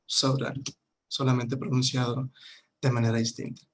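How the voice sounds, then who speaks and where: Man, online language tutor, slow and patient, mid pitch, faint keyboard clicks. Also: fairly even intonation, slight background noise. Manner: slow, patient, repeats words for drill, frequent "ujú". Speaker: English teacher.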